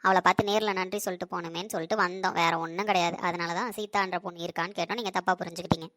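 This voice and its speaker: Give me a woman playing a polite, grateful wife who explains things quickly and earnestly. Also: on the low side, fairly even intonation, fairly bright tone, close to an everyday voice. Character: grateful middle-aged wife, polite and patient. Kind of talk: family drama acting.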